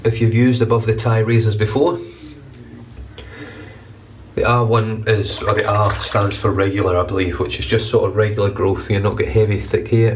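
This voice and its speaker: Recorded from a distance with a little hiss or hum, a man in his thirties with a fairly low, congested, nasal voice talks casually through his shave for a grooming vlog. He's relaxed and chatty and swears now and then while giving how-to commentary. He films on his phone's front camera at arm's length in a small, bright home bathroom.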